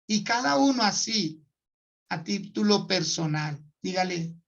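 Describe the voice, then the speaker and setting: A man's voice: high voice, animated, creaky, a bit bright, dull audio. A male pastor preaching a sermon and urging his congregation to repeat blessings after him. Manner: slow, exhorting, gives the congregation words to repeat. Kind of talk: sermon leading a prayer.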